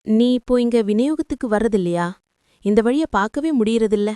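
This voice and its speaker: A woman voicing an older housemaid, stern yet tender, speaking softly but clearly and slowly. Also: on the high side, animated, no echo, clean studio sound, natural voice. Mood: wistful. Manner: soft but clear, slow and pleading.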